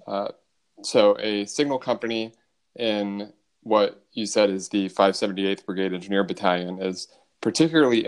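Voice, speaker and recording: A man as an interview guest, explaining things patiently with frequent uh fillers. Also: on the low side. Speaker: guest, army signal company commander. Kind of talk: casual interview answers.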